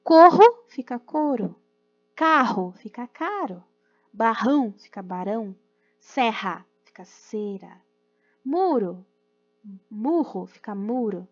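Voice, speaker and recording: A woman teacher with a Brazilian Portuguese accent, giving a recorded class to young children, patient and sounding out words slowly with many diminutives. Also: a little high, dry recording. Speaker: primary school teacher. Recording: dull lo-fi audio with faint music.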